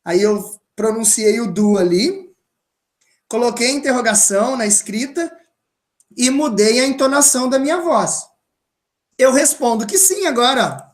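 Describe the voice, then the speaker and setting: A Brazilian woman with a Brazilian Portuguese accent teaches a beginner English lesson, her voice pitched a little high. She talks slowly and patiently and repeats each model sentence. The room gives her voice a clear echo.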